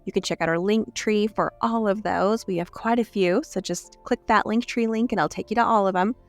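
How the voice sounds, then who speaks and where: A woman co-hosting a true-crime podcast, speaking at an ordinary middle pitch in an easy, casual way. Faint music runs beneath her voice. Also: a little fast. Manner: casual, laughs easily, reads intros in a mock-spooky tone. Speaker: podcast co-host.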